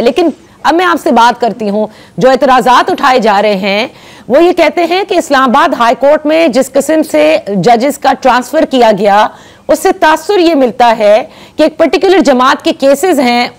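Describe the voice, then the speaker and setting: A woman news anchor with a Pakistani Urdu accent, pressing her guest with pointed questions in a studio interview. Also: sits high.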